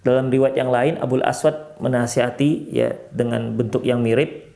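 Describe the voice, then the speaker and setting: A male Islamic preacher from Indonesia with a Medan accent, giving a sermon in a mosque. He talks in an animated way, climbing sharply for emphasis and then dropping low and soft. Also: normal speed, vocal fry. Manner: animated, rises sharply in pitch for emphasis, drops low and soft when counselling.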